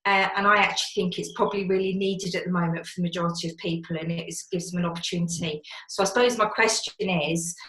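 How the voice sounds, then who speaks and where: Low-voiced woman counsellor on a video call, polite and measured, with shed echo all around. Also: fairly even intonation, fairly bright tone. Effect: echoey shed. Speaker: counsellor in private practice. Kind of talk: audience question on a webinar. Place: garden shed. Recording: echoey small room.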